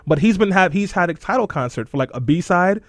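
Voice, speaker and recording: A young man from New York chats on a radio show in a loose, joking way. His speech runs fast and sits a little high. The studio sound is dry and close. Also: expressive, no room sound. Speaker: radio co-host. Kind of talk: casual radio chat.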